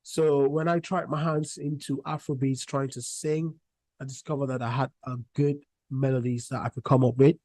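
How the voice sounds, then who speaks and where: A young Cameroonian man who makes music speaks as a guest in a laid-back interview, rambling easily and often restarting his sentences. His voice sits in the mid range, he talks at a normal speed, and there is no room sound.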